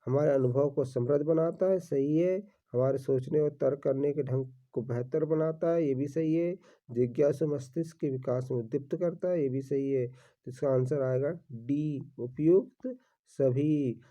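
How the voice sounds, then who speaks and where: In a dull lo-fi recording, a man walks through exam-prep quiz questions, reading each one, repeating the answer, and calling his viewers friends. His mid-range voice has a dark tone and moves at normal speed.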